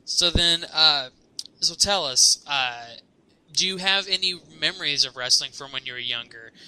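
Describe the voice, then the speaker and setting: A man's voice: a little high, moderate pace, pushed and bright, clear, resonant tone, no room sound, poor audio. A man co-hosting a podcast who interviews a guest, upbeat and friendly in his questions. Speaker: podcast co-host.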